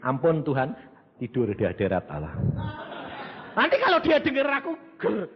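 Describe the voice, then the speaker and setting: Javanese-accented guy preaching, animated storyteller, slightly high voice, dull echoey hall sound. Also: normal speed. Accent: Javanese-tinged Indonesian. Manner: animated storytelling, acting out dialogues. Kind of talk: sermon with anecdotes.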